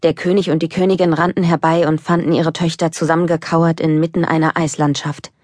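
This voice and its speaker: A woman narrating a children's audiobook in a calm, even storytelling manner, recorded close in a studio. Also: low-pitched, brisk, no echo.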